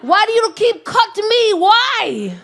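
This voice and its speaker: A woman voicing an irate older immigrant woman driver, yelling in broken English with a put-on Armenian accent. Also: extremely high pitch, big pitch swings, slow, voice pushed up, heavily acted. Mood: furious. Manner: loud, broken English, scolding.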